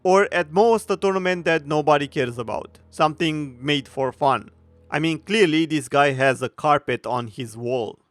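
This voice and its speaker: Man, sarcastic commentary, mocking, slightly high voice, smooth. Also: dry recording. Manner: sarcastic, mocking, frequent filler pauses. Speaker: commentary youtuber. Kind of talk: opinionated video commentary.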